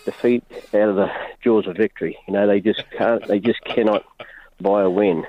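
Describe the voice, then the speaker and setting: Australian man, caller, rambling, somewhat low voice, dull lo-fi line, dry. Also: fairly even intonation, moderate pace, no echo. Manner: rambling, frequent fillers and restarts. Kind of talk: phone-in call. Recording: muffled phone-in line.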